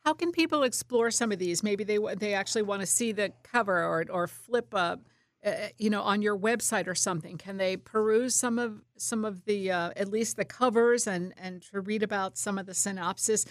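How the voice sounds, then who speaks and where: A woman co-hosts an interview in a conversational style. Her pitch is average for a woman. She is recorded dry, with little room sound. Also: normal speed, no room sound. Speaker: radio interview co-host.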